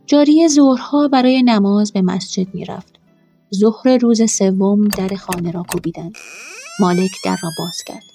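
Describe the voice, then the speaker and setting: A woman narrating a first-person story in a calm, measured way. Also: medium pitch, creaky. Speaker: audiobook narrator.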